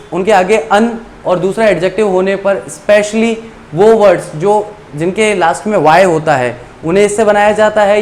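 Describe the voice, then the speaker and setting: A man teaching English grammar in a classroom-style lesson, explaining rules step by step and reading the English lines aloud slowly. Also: high-pitched, a little hiss or hum.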